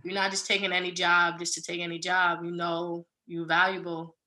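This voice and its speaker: Young New woman, podcast co-host, earnest motivational rambler, bright forward tone. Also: fairly low pitch, completely flat delivery, moderate pace, poor audio. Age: 20s. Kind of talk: casual chat.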